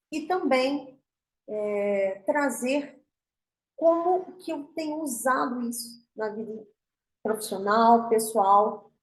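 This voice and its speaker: A woman with a Brazilian Portuguese accent hosts an online spiritual meeting for women. She shares a heartfelt personal testimony in an earnest, emotional way, sometimes rushing and sometimes slowing right down. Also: on the high side. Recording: roomy echo.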